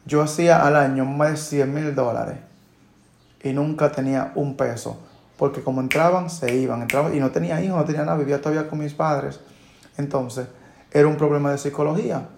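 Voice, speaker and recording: A man's voice: on the high side, vocal fry, darkish tone. Earnest coaching man in an echoey room. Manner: earnest, coaching, repeats rhetorical questions. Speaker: personal finance coach. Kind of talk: motivational monologue. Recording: roomy echo.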